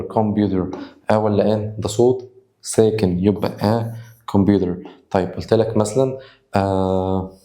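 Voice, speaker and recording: A man with an Egyptian Arabic accent teaching English grammar, repeating example words slowly and sounding them out. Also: lowish voice, warm tone, echoey room. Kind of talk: spoken grammar lesson.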